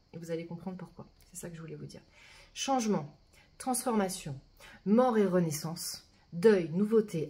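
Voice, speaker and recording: A woman with a medium-pitched voice gives her viewers a chatty spiritual oracle card reading. She often tags her sentences with "hein". When she reads mantras, she does so slowly and softly.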